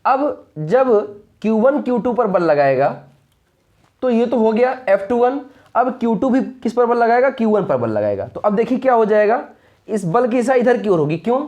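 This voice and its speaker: A man's voice: extremely high pitch, sing-song, normal speed, darkish tone, lo-fi sound. A man teaching a lesson, who poses rhetorical questions and answers them, repeats key points and keeps checking that students follow. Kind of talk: explaining a physics lesson.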